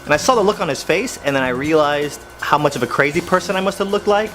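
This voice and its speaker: A man telling comedic stories in an animated, exaggerated way, speaking straight to the viewers. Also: fairly high pitch, fast talker, faint music behind. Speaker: comedian storyteller. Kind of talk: comedic storytelling monologue.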